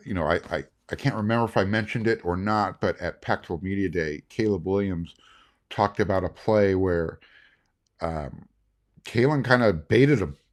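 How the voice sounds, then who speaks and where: A man hosting a sports podcast, recapping in a casual, rambling way with many fillers and restarts. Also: deep voice. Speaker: podcast host.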